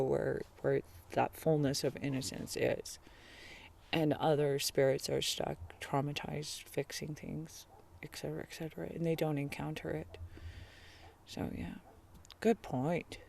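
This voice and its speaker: A woman's voice: low voice, gravelly, warm tone. A woman who is a guest on a roundtable, speaking over a video call in a reflective way and trailing off into murmurs. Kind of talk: casual discussion.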